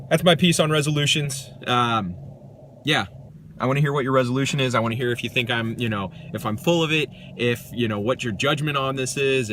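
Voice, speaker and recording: A man's voice: mid-range voice, fairly bright tone, slight background noise. A man giving an earnest, reflective self-help monologue to camera, rambling a little with restarts. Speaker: vlogger.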